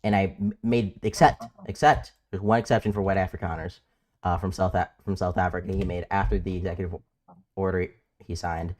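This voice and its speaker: Fast-talking low-voiced debate host. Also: male voice, fairly even intonation, a little mellow. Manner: insistent, repeats himself, stumbling restarts. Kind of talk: heated live debate.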